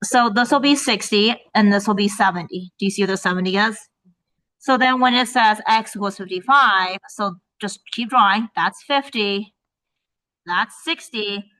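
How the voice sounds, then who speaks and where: A woman math teacher talks through a worksheet one step at a time, estimating aloud and often pausing to ask "right?" Her voice is bright and forward, in a middle register for a woman. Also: medium pitch, low-quality recording. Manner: tentative, thinks aloud while estimating.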